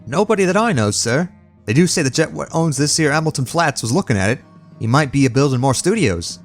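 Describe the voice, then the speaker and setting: Guy putting on a young cockney bellboy, higher voice, nervous, sir every other word. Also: animated, a little fast, faint music behind. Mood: uneasy. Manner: deferential, keeps saying sir, rough grammar.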